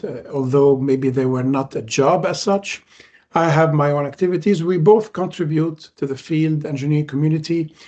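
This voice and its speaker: A podcast host from Lebanon whose first language is Arabic leads a casual conversation in a somewhat high-pitched voice with a darkish tone. He speaks in measured phrases and frequently pauses on "uh" while collecting his thoughts.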